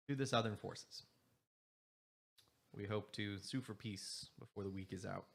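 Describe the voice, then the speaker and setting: A man voicing a gruff, stern older male war leader making a formal, measured speech. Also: fairly low pitch, fairly bright tone.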